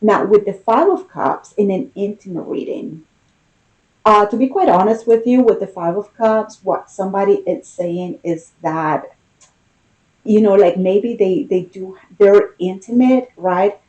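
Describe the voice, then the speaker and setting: A woman giving an intimate tarot reading in a casual, conversational manner, with unhurried, drawn-out emphasis and a mellow, soft-edged voice. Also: mid-range voice, muffled recording. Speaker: tarot card reader.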